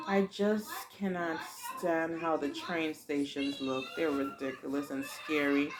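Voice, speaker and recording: Expressive Haitian woman in her forties. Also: lowish voice, noisy background. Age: 40s. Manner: expressive and dramatic, with frequent exclamations. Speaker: mother answering her daughter's Q&A. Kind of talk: casual chat.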